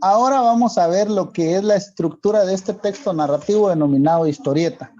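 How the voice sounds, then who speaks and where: A male teacher with a Guatemalan Spanish accent, explaining a lesson slowly and checking in with rhetorical questions. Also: high voice, warm tone, muffled recording. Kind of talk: classroom lesson for video.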